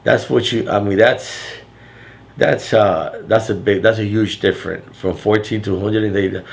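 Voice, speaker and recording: A deep, loud older man speaks in a low register, telling a long story in a casual vlog. He rambles, restarts his sentences and drops in fillers as he goes. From Florida. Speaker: vlogger.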